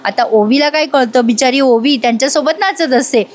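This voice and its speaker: A woman narrates a TV serial episode recap as a voice-over, chatting with her viewers directly. Her voice is high and lively in manner. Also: moderate pace. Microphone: voice-over recording.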